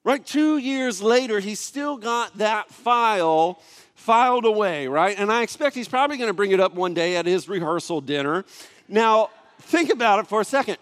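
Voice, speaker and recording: A man in his thirties preaching a sermon, telling a family story in a relaxed, conversational way with asides to the congregation. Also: high voice, normal speed. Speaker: pastor. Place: church sanctuary. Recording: long church hall reverb.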